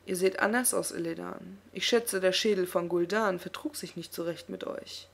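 A woman reading aloud and voicing a bitter, contemptuous male undead death knight, speaking in a hissing, husky way. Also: lowish voice, moderate pace. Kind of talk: audiobook reading.

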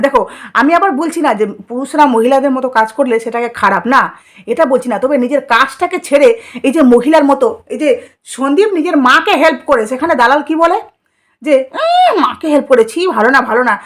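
A woman vlogger, delivering scolding, mocking commentary full of rhetorical questions. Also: high-pitched. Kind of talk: commentary vlog.

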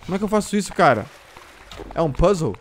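A man with a Brazilian Portuguese accent giving let's-play commentary, jumpy and quick to yelp and swear when startled. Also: high-pitched, very animated, slight background noise. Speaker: gameplay streamer.

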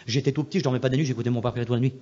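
Fast-talking pastor preaching his testimony. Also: medium pitch, steady tone, dull audio. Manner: storytelling, repetitive, emphatic; swings between hushed and loud passages.

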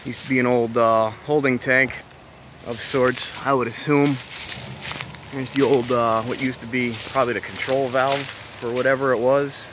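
An urban explorer vlogger, a man with a mid-range voice, wanders through an overgrown abandoned outdoor site at a moderate pace, noise filling the background. He narrates a casual walking tour in a relaxed way, marveling aloud and chatting to viewers as he goes.

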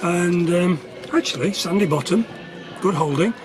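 A man on a sailboat giving relaxed, matter-of-fact updates for his sailing vlog. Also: high-pitched, normal speed, music in the background. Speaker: sailing vlogger, skipper. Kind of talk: casual chat. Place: on a sailboat at sea, outdoors. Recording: wind and water noise outdoors.

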